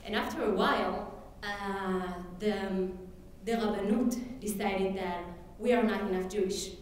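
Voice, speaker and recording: In an event hall, a woman from Ethiopia shares her story as personal testimony, speaking Amharic natively and pausing often with fillers and restarts. Her pitch is medium and her tone steady. She sounds echoey and distant from the mic, over a slight hiss or hum.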